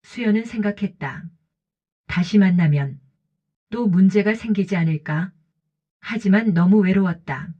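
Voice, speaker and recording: A woman narrating a scripted audiobook in short, calm, even sentences. Her voice is dark and mellow, with a slightly husky edge. The recording sounds dull and lo-fi. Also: mid-range voice, a little slow, long pauses.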